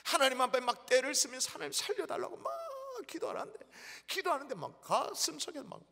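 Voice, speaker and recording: A man's voice: very high-pitched, vocal fry, bright, forceful tone, breathy edge. A pastor, a man, preaching emphatically to his congregation, asking them questions and acting out inner thoughts. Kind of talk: sermon. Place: church sanctuary. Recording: church hall reverb.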